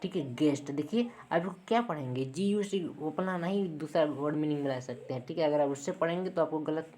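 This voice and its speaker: A woman's voice: low-pitched, a little fast, dark tone, slight background noise. A woman, teaching a lesson step by step and checking in with her students after each point. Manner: repeats points, checks in with "ठीक है". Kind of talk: classroom lesson.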